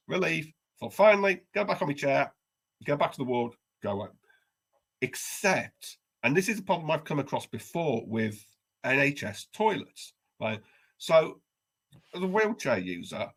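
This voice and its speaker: A man co-hosts a casual podcast, recounting a tale with wry, self-deprecating humour. His voice has a gravelly rasp and a husky, slightly breathy edge. He delivers it in an easy, chatty way. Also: mid-range voice, a bit bright. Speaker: podcast co-host. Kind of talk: casual storytelling chat.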